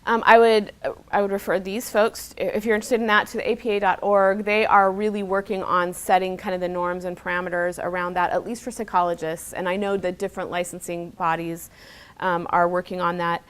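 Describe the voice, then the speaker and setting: A woman's voice: lowish voice, level tone, a little fast, clean tone. A woman speaking as an expert guest, earnestly answering questions and stressing key words as she rephrases. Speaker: expert guest, mental health specialist. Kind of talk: answering audience questions at a talk.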